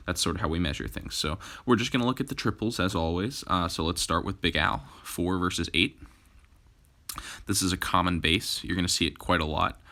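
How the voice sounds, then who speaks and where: A young gaming-channel host gives casual gameplay commentary full of fillers. His low voice has a fairly bright tone and is a little hoarse from a cold.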